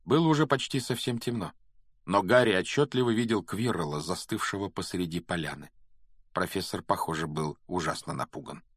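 A man reading a children's novel aloud as an audiobook narrator, steady and measured. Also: sits low, no echo, clean studio sound. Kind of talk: scripted narration.

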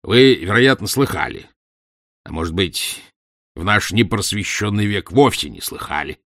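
A man's voice: fairly low pitch, no room sound, clean studio sound, pitched above the performer's own voice, natural voice. Man reading a haughty old professor. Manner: haughty, lecturing, condescending. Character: pompous arrogant older male professor. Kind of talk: audiobook reading.

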